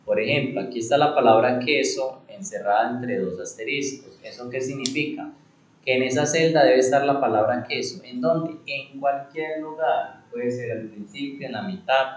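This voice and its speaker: Medium in pitch, a male computer teacher asks rhetorical questions and supplies the answers, lingering on key words and saying them again for emphasis. The recording is rough and reverberant.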